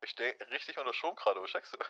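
A woman in game voice chat, pressing with quick questions in character. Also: extremely low pitch, animated, highs cut off. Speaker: fellow roleplay player.

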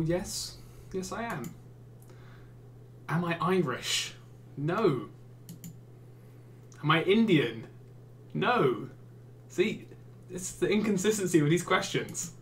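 In casual gaming commentary, a man from England with an English accent, a YouTuber and streamer, reads questions aloud and meets them with wry, exasperated jokes. His pitch is fairly high, and there's slight background noise.

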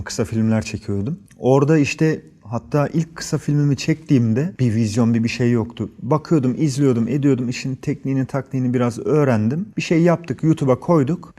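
A man from Turkey in an interview, telling personal stories and acting out the dialogue in them. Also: mid-range voice. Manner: animated, acts out dialogue in his tales. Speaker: actor being interviewed.

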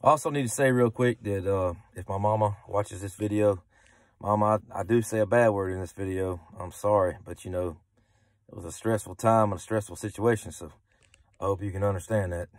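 Low-voiced man in a car. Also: fairly quick, dry recording. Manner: easygoing, rambling with restarts. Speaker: vlogger. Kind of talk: casual explanation to camera. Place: parked car at night. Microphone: phone camera held close.

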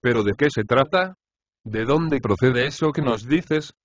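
A man voicing a gruff, complaining old male chorus leader in an audiobook of a comic play. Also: mid-range voice, measured pace, no room sound, dull audio, lightly acted.

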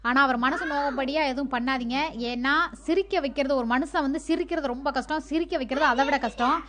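A woman's voice: sits high, quick pace, a bit bright. A woman making an earnest, scolding appeal straight to camera, defending a friend. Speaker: TikTok user defending a friend.

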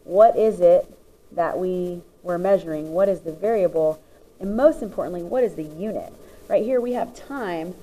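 A woman's voice: on the low side, moderate pace, phone-quality sound, slight background noise. A woman teacher patiently explaining the parts of a graph, step by step, as she writes notes. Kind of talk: classroom lesson explaining graphs.

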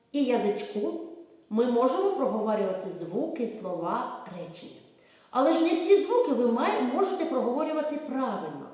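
A woman teaching a speech lesson to young children, speaking slowly and articulating each sound clearly so they can repeat after her, with a Ukrainian accent. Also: on the high side, warm tone, recorded from a distance. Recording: echoey room, voice from away from the mic.

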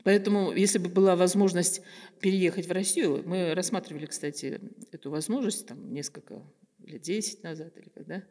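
Slowly and thoughtfully, an older Kazakh woman, a guest artist, reflects in an interview, her slightly low voice broken by frequent pauses, fillers, and searches for the right word. She speaks into a table microphone on a stand in a bright room, where a noticeable reverb hangs on her voice.

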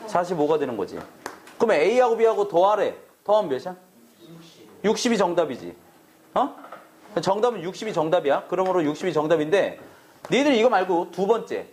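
Brash male math teacher, lively high voice. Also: moderate pace, long pauses, slight background noise. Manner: brash, teasing, swears casually at students. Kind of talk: classroom lecture. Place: classroom.

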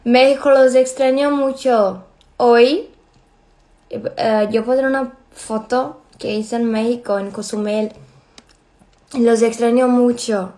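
A woman's voice: a little high, fairly even intonation, takes it slowly, warm tone. A woman in her thirties with a Brazilian accent, chatting casually on a livestream and thanking viewers by name. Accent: Brazilian Portuguese. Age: 30s. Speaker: livestream host.

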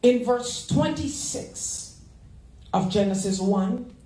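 A woman associate pastor preaching a sermon, animated, with congregation call-and-response. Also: mid-range voice, slow pace. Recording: echoey church sanctuary.

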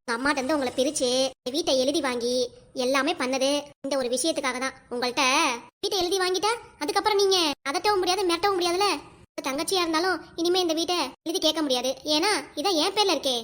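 Scheming cartoon wife, southern Tamil Nadu accent, high voice, rapid, taunting. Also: female voice, a bit bright. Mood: scornful. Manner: scornful, taunting and bossy. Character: scheming bossy young wife. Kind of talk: cartoon comedy sketch acting.

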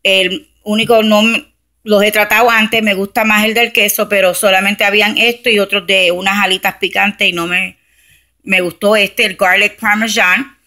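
This couponing vlogger from Camden, New Jersey, USA, has a bright, mid-range voice with a steady tone and normal speed. Filmed on a handheld phone camera at home, indoors next to a grocery shelf, she gives a chatty haul walkthrough, going through prices one step at a time and slipping in English words.

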